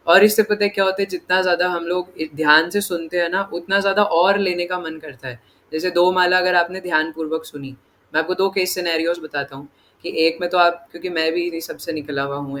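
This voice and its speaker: Guy teaching a devotional class, kinda high voice, talks casual and keeps asking "right?", faint hiss behind. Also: fairly bright tone. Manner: acts out inner voices in dialogue. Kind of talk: conversational scripture class.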